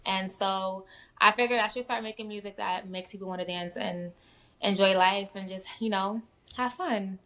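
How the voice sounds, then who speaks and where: In a casual interview chat, a young woman from New York who's a guest musician talks in a relaxed way, sprinkling in plenty of "um" and "like." She speaks at medium pitch and a moderate pace, with occasional sirens behind her.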